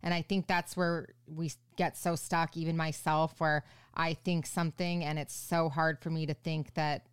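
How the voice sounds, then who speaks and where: A woman co-hosting a podcast, asking her guest thoughtful questions in a soft-spoken, casual way. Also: low-pitched, little pitch movement, normal speed, few pauses, smooth, no room sound. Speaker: podcast co-host.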